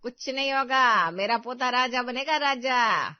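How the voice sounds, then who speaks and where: A woman's voice: on the high side, expressive, normal speed, no room sound, natural voice. A woman voicing a domineering old grandmother in a cartoon who spoils her grandson and scolds her daughter-in-law. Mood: doting. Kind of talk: cartoon voice acting. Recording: dull dry recording.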